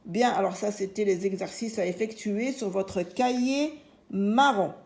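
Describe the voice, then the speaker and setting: Woman teacher, phonics lesson for young children, slow and gravelly, mellow voice, spells out syllables. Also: mid-range voice. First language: Arabic. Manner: spells out letters and syllables patiently. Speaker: primary school teacher.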